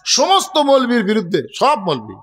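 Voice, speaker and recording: A man from Bangladesh, preaching an impassioned sermon, shouting refrains and questioning the crowd. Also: extremely high pitch, wildly swooping pitch, normal speed. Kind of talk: fiery Islamic sermon.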